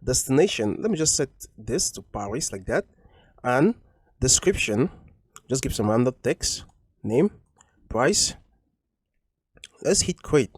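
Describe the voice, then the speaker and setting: A man's voice: mid-range voice, very animated, a little slow, pauses often, husky, no echo, studio quality. A man teaching a coding tutorial over a screen recording, explaining patiently and repeating each point with frequent ums.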